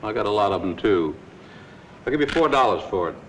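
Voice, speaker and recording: A man playing a shrewd, unsentimental buyer in terse, deadpan 1940s screwball comedy banter. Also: lowish voice, brisk. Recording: distant, faintly noisy old film soundtrack.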